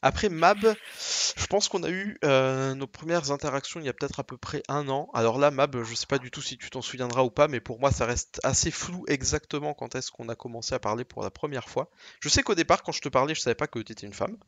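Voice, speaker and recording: A man's voice: mid-range voice, fairly quick, fairly bright tone, no echo. A man from France co-hosting a podcast, chatting casually and rambling with lots of fillers. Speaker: podcast co-host.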